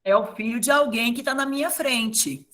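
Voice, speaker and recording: A woman's voice: on the high side, normal speed, fairly bright tone. A middle-aged woman, a teacher talking to parents at a meeting, telling stories with feeling and acting out the voices of students and parents. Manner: emotional, addresses the audience directly.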